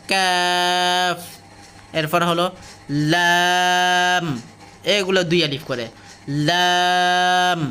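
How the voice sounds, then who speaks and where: A man with a Bangladeshi Bengali accent teaching the Arabic alphabet, stretching each letter name slowly and repeating it. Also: fairly high pitch, pushed and bright. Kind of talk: slow teaching with drawn-out demonstrations.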